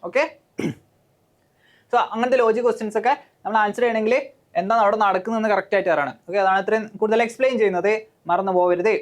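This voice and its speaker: A woman's voice: mid-range voice, steady tone, fast talker, pauses often. Malayali woman teaching step by step. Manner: explains step by step with frequent "okay" and questions to students; mixes English terms into Malayalam. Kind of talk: exam coaching lesson.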